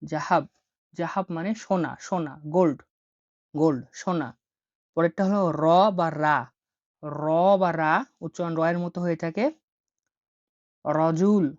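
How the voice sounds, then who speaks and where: A woman's voice: on the low side, a little mellow, no room sound, dull audio. A woman teaching Arabic letters and words as a lesson, repeating each word and its meaning several times over. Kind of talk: slow repetitive vocabulary lesson.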